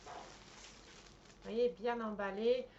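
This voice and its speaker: Woman, higher voice, casual unboxing chat, enthusiastic, halting, faint home noise, muffled mic. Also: steady tone, warm tone. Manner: chatty, enthusiastic, with frequent hesitations. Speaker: vlogger reviewing a purchase. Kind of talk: casual unboxing and screen walkthrough.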